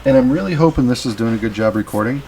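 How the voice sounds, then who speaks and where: A man's voice: medium pitch, very fast, dark tone, slight background noise. A man hosting a casual podcast in a home podcast room, rambling and hesitant as he talks through the setup. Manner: rambling, hesitant, laid-back. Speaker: podcast host. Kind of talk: casual chat.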